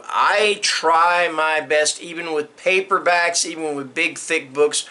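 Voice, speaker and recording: A man's voice: a little high, pushed and bright. A middle-aged man chatting casually about his reading habits, rambling and going off on little rants. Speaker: book vlogger. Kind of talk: casual chat answering a tag. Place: room with bookshelves.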